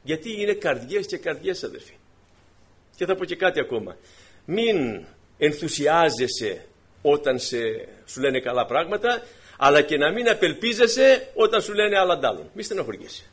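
A man preaching a sermon to his congregation, swinging from quiet explanation to emphatic, raised exhortation. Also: fairly high pitch, slightly rough. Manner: preaching with emphatic rises and drops, addressing brothers.

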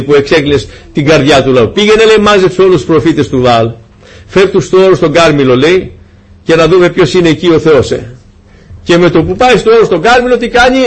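A man preaching a sermon, retelling a scripture story in lively, humorous fashion and acting out the dialogue. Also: on the high side.

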